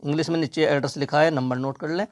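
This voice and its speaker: A man's voice: a little high, fairly even intonation, fast. A middle-aged man teaching a reading primer, sounding out words letter by letter. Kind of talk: spelling-out reading lesson.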